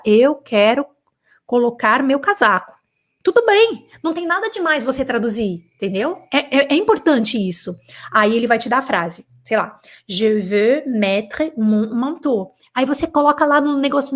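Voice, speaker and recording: A young Brazilian woman teaching French in a live online lesson, chatty and blunt, full of fillers and sudden exasperated bursts. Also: high voice. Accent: Brazilian Portuguese.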